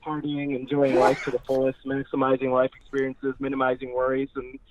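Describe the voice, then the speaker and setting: Brief: fast-talking braggart guest, phoned in, thin phone-line sound. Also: male voice, medium pitch, completely flat delivery, background noise. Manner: boastful, smooth self-promotion. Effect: heard over the phone. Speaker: guest on a call-in show. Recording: narrow tinny phone line.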